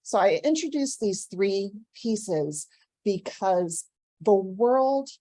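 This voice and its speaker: A woman's voice: mid-range voice, animated, slow, no room sound. A young woman PhD student giving an earnest academic conference talk. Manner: warm, earnest, guides the listener through a breathing exercise. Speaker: PhD student presenting research.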